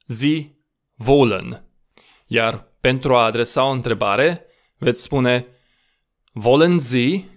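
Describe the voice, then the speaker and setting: A man teaching a recorded language lesson, patiently spelling out words and repeating them slowly. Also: medium pitch.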